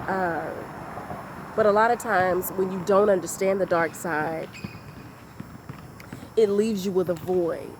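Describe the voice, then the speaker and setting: A woman giving a motivational talk in a deliberate, repetitive, emphatic way. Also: fairly low pitch, background noise. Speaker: motivational speaker.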